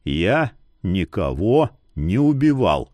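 A man's voice: lowish voice, slow pace, no echo, voice pushed down, exaggerated voice. A man voicing a terse, brooding male prisoner in an audiobook, answering curtly in few words. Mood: firm. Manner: curt, flat, few words.

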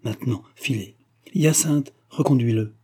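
A man's voice: mid-range voice, a little slow, mellow, slightly rough. A man doing a stern rugged hunter. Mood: coldly threatening. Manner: stern, threatening.

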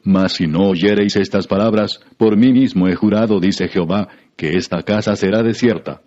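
A man giving a measured, solemn scripted Bible reading, heard through a muffled radio broadcast. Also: on the low side, a little mellow. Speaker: scripture reader.

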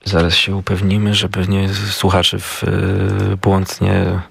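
A man co-hosting a radio show, chatting casually and hesitantly, with many filler sounds and pauses. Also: sits low, monotone, vocal fry, breathy edge, no room sound. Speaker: radio co-host. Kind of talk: casual radio chat about Japanese words. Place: radio studio.

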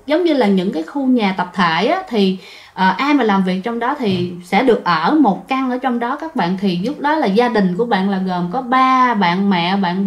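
A woman with a Southern Vietnamese accent telling ghost stories in a chatty way, often turning to her listeners. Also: on the high side. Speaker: storyteller. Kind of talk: casual ghost-story telling.

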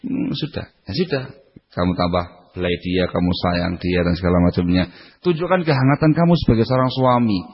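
Male preacher, slightly raspy, animated sermon delivery with sudden loud peaks and hushed asides; dull lo-fi hall recording. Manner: animated, swings between loud high bursts and low quiet asides. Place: lecture hall. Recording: echoey hall, muffled lo-fi recording.

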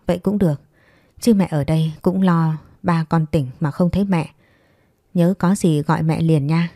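A woman voicing a kindly, worried middle-aged mother in a read-aloud story, gentle and fussing. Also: sits low, fairly even intonation, normal speed, dry recording, clean studio sound.

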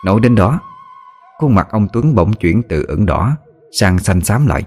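A man narrating a scripted horror story with dramatic, expressive storytelling. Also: on the low side, a little slow. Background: faint music.

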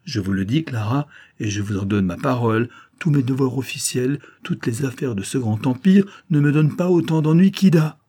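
A man voicing a gruff, impatient older statesman laid up with gout, in an audiobook. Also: mid-range voice, normal speed, dark tone, natural voice. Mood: grumpy. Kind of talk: audiobook character voice.

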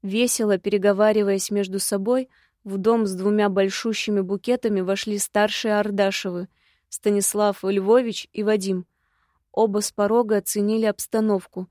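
A woman narrates an audiobook in a measured, scripted reading. Her voice sits at a middle pitch and stays flat and even. The recording is dry, with no room sound. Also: no room sound.

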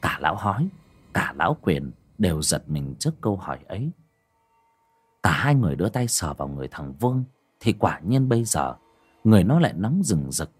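A man reading a horror tale aloud with a lively, rising and falling delivery. His voice is low-set and husky, with expressive storytelling. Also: brisk. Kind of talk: audiobook horror story narration.

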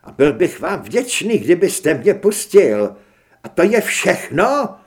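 Man voicing a flustered defensive gossip, pitch rising, storybook reading. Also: big pitch swings.

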